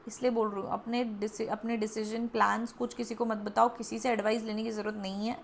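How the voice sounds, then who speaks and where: A woman's voice: on the high side, level tone, fairly quick, gravelly, slight background noise. A woman giving a pick-a-card tarot reading in a chatty, coaxing way, acting out the listener's doubts. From India. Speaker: tarot reader.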